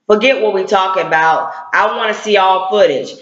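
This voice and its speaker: Middle-aged activist man ranting hard on camera, blunt and slangy, bright forceful high voice, echoey dull recording. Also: moderate pace. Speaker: civil rights activist. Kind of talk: heated online rant.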